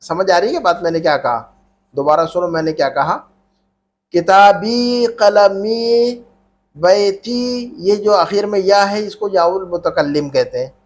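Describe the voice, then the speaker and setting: Fairly quick and fairly high-pitched, a man leads a classroom lesson on Arabic grammar. He asks questions again and again with patience, urging students to call back their answers.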